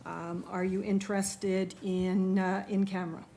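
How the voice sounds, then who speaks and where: A woman serving as mayor, chairing a town council meeting in a measured, procedural way. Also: medium pitch, level tone, gravelly, warm tone, slight background noise.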